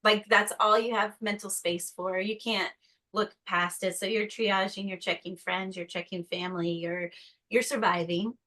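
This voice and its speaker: Bright, chatty woman guest. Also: medium pitch, fairly even intonation, normal speed, rough recording. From North Carolina, USA. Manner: chatty, acts out quotes in a bright put-on voice. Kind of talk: casual conversation.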